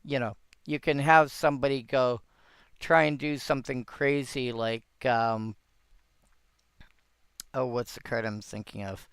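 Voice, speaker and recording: A man talks slowly, with a gravelly edge under a smooth, resonant voice. He thinks aloud in a rambling way, often restarting his sentences. The sound is dry and close. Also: mid-range voice, steady tone, a bit bright, dry recording. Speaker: host reviewing old game cards. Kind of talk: casual solo commentary.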